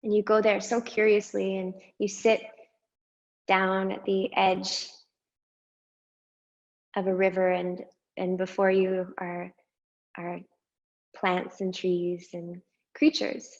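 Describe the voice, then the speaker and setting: A woman guiding a meditation and breathing exercise, speaking slowly and softly with long pauses. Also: medium pitch, monotone, muffled recording. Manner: slow, soft and unhurried with long pauses. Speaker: meditation guide. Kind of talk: guided meditation.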